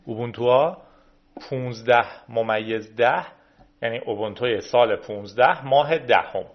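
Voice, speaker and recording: In a relaxed screen-recorded tutorial, a tech video host from Iran narrates every click through the menus. His voice sits in the mid range, and the recording is muffled.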